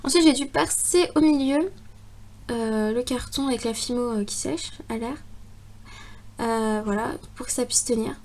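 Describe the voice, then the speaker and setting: A woman's voice: on the high side, a little slow, a little mellow. A young woman casually presenting a handmade craft model for a contest, chatty with frequent fillers and little laughs. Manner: chatty, many fillers and giggles.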